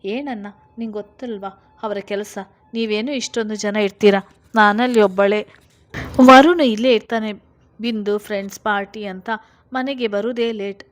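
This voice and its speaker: A middle-aged sister, busy and a little defensive as she explains herself to her brother, voiced by a woman reading aloud. Her voice sits at an ordinary pitch in a spoken storybook. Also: steady tone, moderate pace, lightly acted. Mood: explaining.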